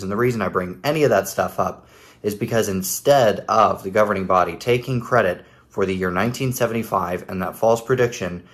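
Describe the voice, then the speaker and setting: A man's voice: low-pitched, fairly bright tone. A man in his thirties hosting a casual, critical commentary video from home, with a sarcastic edge. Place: living room at home.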